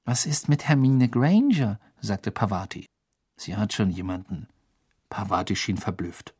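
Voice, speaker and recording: A woman's voice: very deep voice, unhurried, a little mellow, husky, no room sound, studio quality, pitched below the performer's own voice, heavily acted. A reader voicing a giggly, flustered teenage girl who answers hesitantly.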